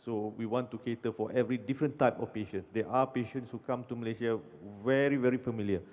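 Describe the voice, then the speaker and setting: A man on a conference panel explaining his agency's work in a measured way. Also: mid-range voice, fairly even intonation. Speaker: panelist for a national health tourism agency. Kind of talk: panel discussion. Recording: muffled hall reverb.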